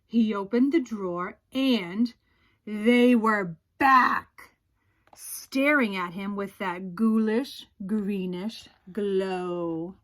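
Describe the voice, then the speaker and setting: A female storyteller reads a children's picture book aloud, expressive and dramatic, stretching out the suspense. Her voice sits in the mid range.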